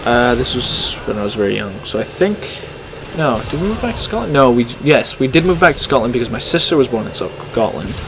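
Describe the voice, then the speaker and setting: A man's voice: medium pitch, very animated, a little fast. A teenage boy from California rambling casually while commentating his own gameplay. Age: teens. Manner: rambling, chatty, self-deprecating. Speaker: gaming channel host. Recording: game noise behind voice.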